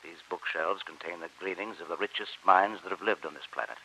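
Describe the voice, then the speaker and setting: A man playing a commanding, cultured and coolly menacing submarine captain in old-time radio style, formal and measured. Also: sits low, pushed and bright. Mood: courteous, commanding. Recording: muffled, hissy old radio recording.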